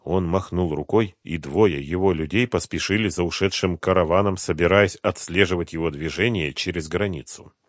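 A man narrating an audiobook in a steady, even reading. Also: low-pitched, moderate pace, no room sound, studio quality. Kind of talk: scripted narration.

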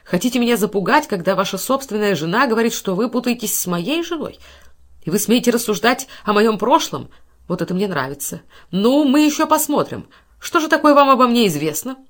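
A woman's voice: mid-range voice, animated, fairly quick, close to an everyday voice. A woman voicing a hot-tempered, cowardly male violinist who blusters and threatens melodramatically. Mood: blustering. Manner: shouting, melodramatic.

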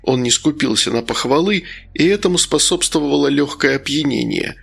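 A man narrating an audiobook in a steady storytelling manner. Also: a little high, moderate pace, gravelly, slightly rough. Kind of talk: scripted narration.

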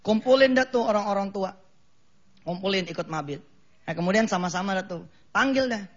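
Middle-aged guy preaching in a mosque, jakarta betawi accent, high voice, jokey and animated, dull lo-fi broadcast sound. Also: fairly quick. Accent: Betawi-flavored Jakarta Indonesian. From Indonesia. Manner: lively, jokey, acts out quoted voices, laughs at own jokes. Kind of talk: sermon.

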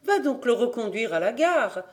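A man's voice: very high-pitched, big pitch swings, moderate pace, pitched above the performer's own voice. A man reading an audiobook, putting on the voice of an anxious, tearful young daughter who speaks in a fretful, pleading way.

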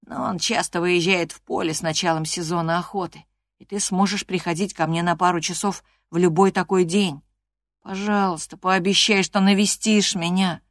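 A woman's voice: on the low side, steady tone, normal speed, no room sound, studio quality, natural voice. A woman reading an audiobook voices a sickly, spiteful teenage boy who whines and taunts. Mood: pleading. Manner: whiny and taunting.

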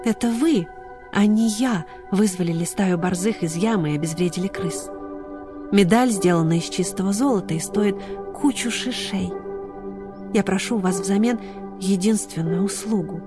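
A woman voicing a small, brave young female dachshund who talks in a high, breathless, pleading way. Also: normal speed, music in the background, lightly acted. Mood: quiet earnest.

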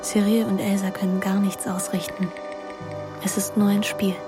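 Reflective and intimate, an actress narrates as a wilful, moody teenager telling of her summer in first-person radio drama narration and dialogue. Her natural, medium-pitched voice has little pitch movement and a normal pace, with music behind it.

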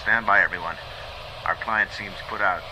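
An actor playing a watchful surveillance agent who gives a terse running commentary over two-way radio in a screen drama. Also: male voice, on the low side, moderate pace. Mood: tense, watchful. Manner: terse, reporting step by step. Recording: muffled band-limited radio, faint noise.

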